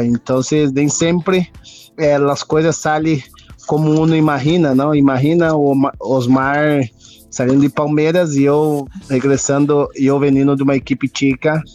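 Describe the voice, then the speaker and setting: With a warm, medium-pitched voice, this native Portuguese-speaking Brazilian man looks back on the past in a relaxed interview, blending Spanish into his Portuguese. Music plays behind the dull, lo-fi recording.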